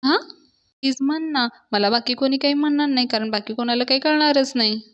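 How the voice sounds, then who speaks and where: A woman voicing an excited young woman who pleads and coaxes in a high voice. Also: brisk, natural voice. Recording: dull lo-fi recording.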